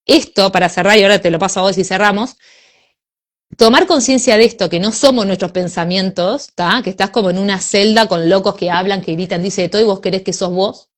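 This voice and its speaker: Chatty rioplatense woman, acts out her thoughts with big sighs, mid-pitched. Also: brisk. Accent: Rioplatense Spanish. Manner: animated, acts out inner voices with sighs. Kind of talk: casual spiritual conversation.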